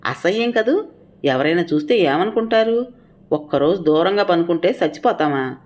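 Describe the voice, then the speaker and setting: A woman voicing a weary young village mother who speaks in sharp, reproachful scolding. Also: lowish voice, animated, normal speed, lightly acted. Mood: indignant.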